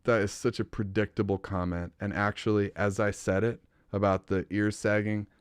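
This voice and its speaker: A man hosting a podcast in casual chat, an animated storyteller who swears and laughs often. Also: fairly low pitch, moderate pace, clear, resonant tone, dry recording, studio quality. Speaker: podcast host.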